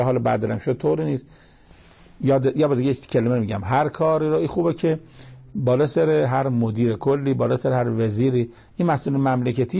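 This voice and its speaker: A man's voice: medium pitch, vocal fry, dark tone, slightly rough. A man preaching Quran commentary, building emphasis with rhetorical questions. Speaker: cleric teaching Quran commentary. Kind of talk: sermon.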